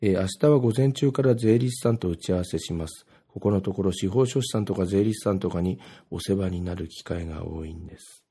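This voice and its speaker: Here the man from Ibaraki, Japan has a low, warm voice with a breathy edge and a brisk delivery. Alone and casual, he reads his posts aloud and rambles, filling gaps with plenty of filler words.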